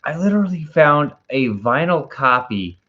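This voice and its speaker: A man's voice: a little high, very animated, moderate pace, muffled recording. A man co-hosting a casual movie review, tipsy and rambling, given to wild overstatement.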